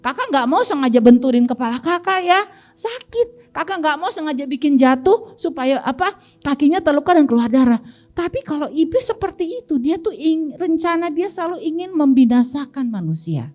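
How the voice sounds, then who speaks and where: Lively woman teaching kids a bible story. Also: high voice, normal speed. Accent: Indonesian. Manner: lively, asks the children questions and answers them. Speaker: Sunday school teacher. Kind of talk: children's Bible story lesson.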